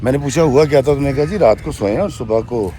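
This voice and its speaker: With slight background noise behind him, a man with a medium-pitched, dark voice and lively intonation tells his viewers a true story. He repeats a woman's account in her own words, frequently inserting "she says" and sometimes speaking to his listeners directly as friends.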